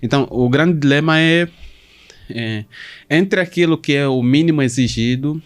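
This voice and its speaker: A man from southern Brazil hosting an interview, asking long questions in formal, halting phrasing with many restarts. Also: a little high. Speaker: host.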